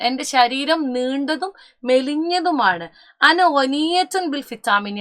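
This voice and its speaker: This young woman's voice is high, bright, and pushed as she teaches an online class, addressing her students as though they were children. She poses questions and answers them herself, slips English words into her speech, and frequently stops to correct herself.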